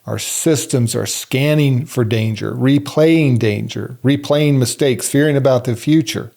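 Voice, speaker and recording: A man giving earnest self-help advice, coaching the listener and shifting between quick runs and slow emphatic phrases. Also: mid-range voice, creaky, warm tone. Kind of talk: explanatory talk to camera.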